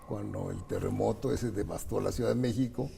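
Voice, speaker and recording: A man's voice: fairly low pitch, fairly even intonation, fairly quick, gravelly, dark tone. A middle-aged man co-hosting a film talk show, chatting casually and recalling films and actors' careers in detail. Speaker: film critic co-host. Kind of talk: casual conversation about film.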